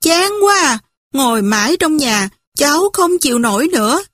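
A woman's voice: high-pitched, big pitch swings, moderate pace, a bit bright, no echo, voice pushed up. A woman voicing a willful, restless young widow who talks back petulantly. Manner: petulant, defiant.

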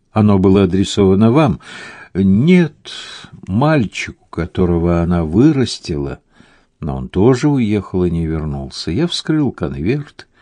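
A man voicing a melancholy Sicilian man recalling a lost love in a slow, reflective way. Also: low voice, warm tone, dry recording, heavily acted.

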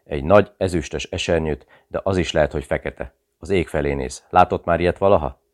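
A man voicing a gruff, impatient male army sergeant in an audiobook, speaking brusquely. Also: very deep voice, darkish tone. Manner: brusque, exasperated.

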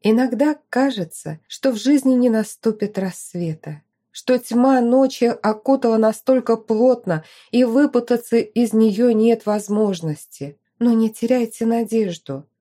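A woman narrating a first-person novel as an audiobook, in an expressive, emotive reading style. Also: a little high, measured pace, few pauses.

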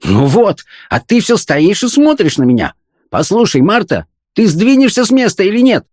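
A man voicing an irritable, bossy man, a cranky old professor in a young body, who shouts orders and rages. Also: fairly high pitch, expressive, normal speed, no echo, studio quality, voice pushed up, lightly acted. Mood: impatient, bossy.

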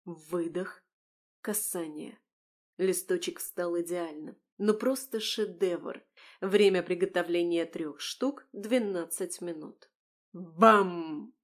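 A woman reading a first-person audiobook in a wry, expressive storytelling manner. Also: on the low side, unhurried. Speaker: audiobook narrator.

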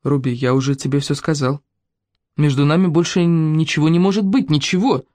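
A woman voicing a weary young man who stays calm and firm. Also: sits low, brisk, no room sound, lightly acted. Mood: calm, soothing.

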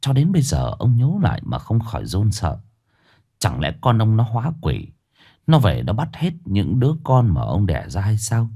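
Low dramatic male ghost-story narrator. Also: huge pitch swings, moderate pace, dark tone, breathy edge. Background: faint music.

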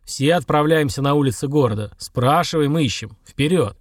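A man reading an audiobook and voicing an angry, cold boss who berates his staff with slow, shouted words. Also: on the high side, no echo, clean studio sound, close to an everyday voice. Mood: stern. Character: furious middle-aged male boss, cold and domineering.

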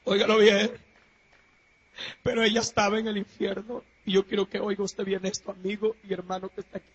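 High-pitched impassioned male preacher. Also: level tone, fast, breathy edge, lo-fi sound. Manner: impassioned, swings between shouting and low intense speech. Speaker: preacher giving a testimony. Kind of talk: sermon.

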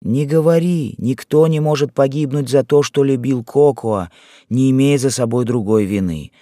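A man's voice: mid-range voice, animated, a little slow, creaky, darkish tone, no echo, clean studio sound. A man voicing a devoted young island wife, reading her lines in a raised, emotional, pleading way. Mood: resolute. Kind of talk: audiobook character reading.

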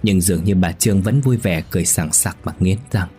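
Man, low voice, steady storytelling, ghost story narration, faint music. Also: brisk, slightly rough.

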